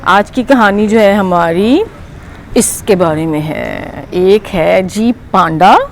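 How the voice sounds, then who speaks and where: A woman telling a story to children, animated and often asking them questions. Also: medium pitch, slow pace.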